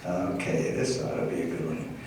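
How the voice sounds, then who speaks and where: A man's voice: moderate pace, darkish tone. A man working as a stage hypnotist, delivering live show patter and teasing his volunteers and audience. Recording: echoey hall, distant mic, noisy.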